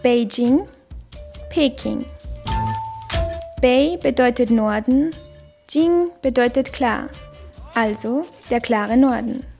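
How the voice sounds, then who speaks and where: High-voiced woman teaching slowly. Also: gravelly, music in the background. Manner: deliberate, carefully sounds out syllables and tones. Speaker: language teacher. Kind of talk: explanatory language lesson.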